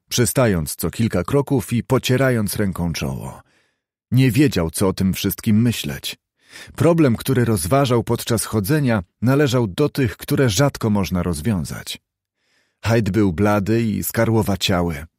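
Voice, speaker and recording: A man narrating a classic novel in an audiobook, reading at a measured, even pace. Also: fairly low pitch, dry recording, studio quality. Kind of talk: scripted literary narration.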